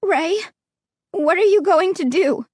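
A woman's voice: high voice, slow, no room sound, studio quality, pitched above the performer's own voice. A woman reading aloud voices a frightened young girl, crying out in fear. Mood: terrified. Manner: frightened, pleading cries. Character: terrified young girl in a graveyard.

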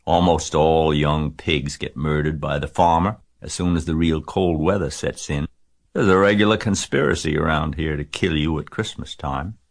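A man's voice: rumbling low, fairly even intonation, normal speed. A man voicing a grim old female sheep in a storybook, matter-of-fact, gloomy and snappish. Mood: blunt.

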